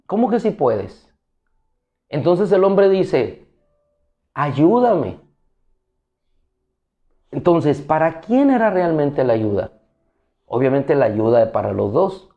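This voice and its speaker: A man preaching a devotional sermon, slow and deliberate, repeating key phrases for emphasis. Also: a little high, very animated, highs cut off. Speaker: pastor.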